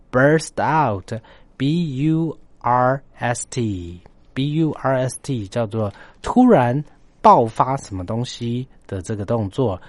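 A man's voice: medium pitch, darkish tone, dry recording. A man hosting a story-based English lesson, emphatic, often repeating phrases and spelling words out letter by letter. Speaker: English teacher and host.

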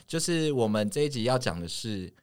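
A man's voice: medium pitch, very animated, fairly quick, darkish tone, clear, resonant tone. A young Taiwanese man co-hosting a casual podcast chat, joking and asking teasing questions. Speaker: podcast co-host.

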